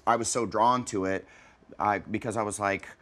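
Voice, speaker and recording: A man's voice: lowish voice, steady tone, moderate pace, a bit bright. A man being interviewed as a comedy writer and actor, chatting casually in a joking, laid-back way. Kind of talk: casual chat.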